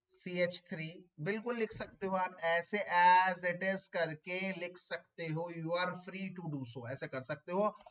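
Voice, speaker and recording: A man's voice: sits high, bright, forceful tone, lo-fi sound. A man teaching a chemistry class online, explaining step by step and repeating key terms, asking his students questions. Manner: addresses students as beta, asks them questions.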